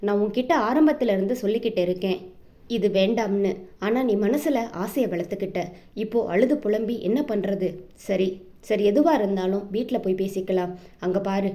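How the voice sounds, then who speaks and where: A woman reading the lines of a sharp-tongued young woman who teases and scolds her friend, in an audiobook novel. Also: mid-range voice, fairly quick, lightly acted. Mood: teasing. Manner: teasing, scolding.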